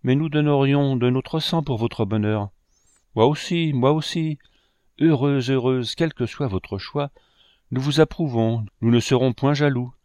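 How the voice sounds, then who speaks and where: A man's voice: medium pitch, a little slow, darkish tone, no room sound, studio quality, voice pushed up, lightly acted. A man reading aloud, voicing a group of young male painters pleading for forgiveness. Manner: pleading, fervent. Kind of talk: audiobook reading.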